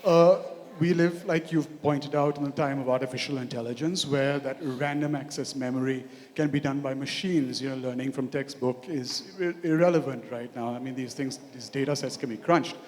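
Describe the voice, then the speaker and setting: A man's voice: mid-range voice, steady tone, moderate pace, few pauses, darkish tone. A man in his forties with an Indian accent making an earnest impromptu comment from a conference floor, listing points as he goes. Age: 40s. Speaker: audience member, architect. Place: large hotel conference hall. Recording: echoey hall with long reverb.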